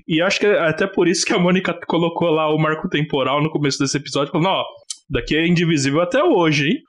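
Joking Brazilian physicist, higher-pitched man. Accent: Brazilian Portuguese. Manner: informal, jokey, swears, mock exasperation. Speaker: podcast co-host, theoretical physicist. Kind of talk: casual science podcast chat.

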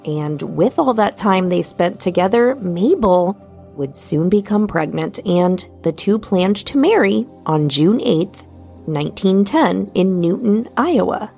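Woman, sleep story narrator, soothing bedtime delivery, medium pitch, gravelly creak, faint music bed. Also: lively intonation, unhurried. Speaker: podcast host and narrator. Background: soft music.

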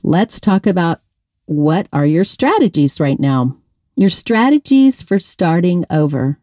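A woman's voice: fairly low pitch, sing-song, unhurried, a little mellow, no room sound, studio quality. A middle-aged woman giving an upbeat motivational talk to women, speaking directly to the listener and laughing often.

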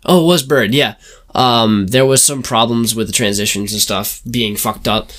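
A man co-hosting a casual podcast, talking in a rambling, joking way with lots of fillers, his voice gravelly and a bit hoarse. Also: mid-range voice, normal speed, a bit bright. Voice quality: gravelly, smoker-like voice. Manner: rambling, self-mocking, full of fillers. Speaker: podcast co-host.

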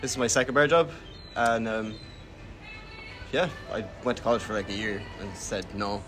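A man's voice: on the low side, normal speed, over music. A man of twenty-two with a west of Ireland accent, chatting casually and loosely, with "like" sprinkled through his sentences. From Galway, Ireland. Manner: rambling, heavy use of "like". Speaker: bartender interviewed as guest. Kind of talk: casual chat. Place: in a bar.

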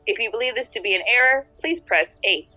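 A formal recorded bank phone message, with a bright, crisp edge and soft music in the background. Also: female voice, a little high, expressive, fast talker, no room sound, exaggerated voice, low-quality recording.

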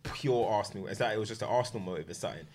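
A man's voice: fairly low pitch, rapid-fire, darkish tone, slight background noise. A man with a London accent in casual sports chat, talking in roadman slang and repeating phrases for emphasis. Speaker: regular sports pundit.

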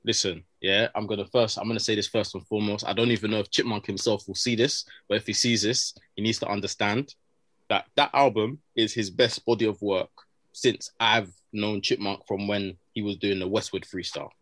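A man's voice: fairly low pitch, steady tone, fairly quick, fairly bright tone, no room sound. A man with a London roadman accent chatting casually as a podcast guest, slangy and full of repeated tag questions. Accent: London roadman (urban slang).

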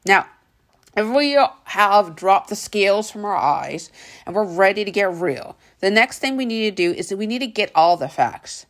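The host of a motivational podcast, a woman with a mid-range voice and normal pace, tells stories with animation and calls the listener honey and darling.

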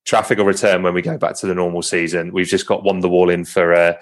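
A man's voice: deep voice, little pitch movement, fast. A man with a Home Counties English accent hosting a casual sports chat, often repeating and correcting himself. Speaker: podcast host.

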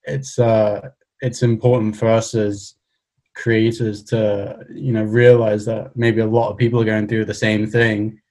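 A man's voice: lowish voice, little pitch movement, unhurried, a little mellow. A young man with a Cardiff Welsh accent, chatting casually as an interview guest in a hesitant, understated way. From Cardiff, Wales. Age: young adult. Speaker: podcast guest, cartoonist.

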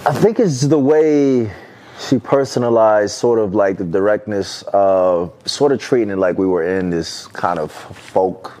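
A man with a lowish voice chats in easy, slangy podcast talk, unhurried and laughing often. His stories ramble comfortably. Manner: relaxed slangy storytelling, laughs easily. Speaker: podcast co-host. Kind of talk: casual chat.

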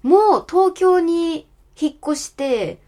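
A woman's voice: extremely high pitch, lively intonation, slow, warm tone. A woman co-hosting a podcast from home, telling a story in a chatty, casual dialect. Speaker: podcast co-host, band member.

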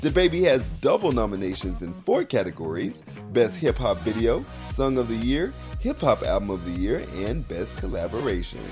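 A man's voice: on the low side, very animated, moderate pace, hardly any pauses. A man presenting entertainment news as a show host with a punchy, showy delivery. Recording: music bed behind voice.

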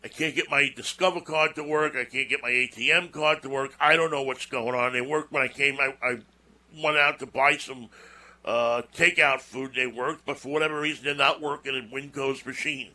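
A man's voice: mid-range voice, steady tone, normal speed, sharp tone. A man hosting a show, telling a personal story in a casual, rambling monologue with folksy asides and repeated words. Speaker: show host.

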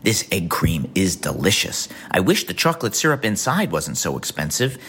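A man playing a pitchman in a spoof ad, rattling off a bright comic sales pitch. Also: huge pitch swings, moderate pace, husky, exaggerated voice. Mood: salesy. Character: man hawking a drink in a spoof ad. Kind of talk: comedy podcast ad parody.

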